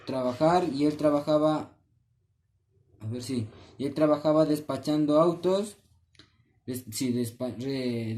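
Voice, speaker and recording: A man's voice: mid-range voice, mellow. A man reads out a school assignment about his family's history. He stumbles and restarts often. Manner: halting, with restarts and repeated words. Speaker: student sending a class assignment.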